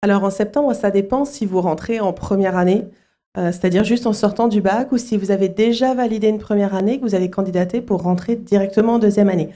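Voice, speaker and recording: A middle-aged woman, a school director, answering interview questions at a student fair, often pausing with fillers and restarting her sentences. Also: mid-range voice, dark tone. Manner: hesitant, many fillers and restarts.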